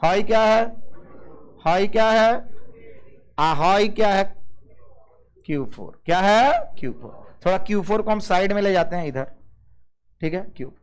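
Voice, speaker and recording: High-voiced physics teacher. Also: male voice, lively intonation, a little slow, long pauses, smooth. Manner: keeps asking the class "yes or no?" and calling students "babu"; mixes English physics terms into Hindi. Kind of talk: classroom lecture.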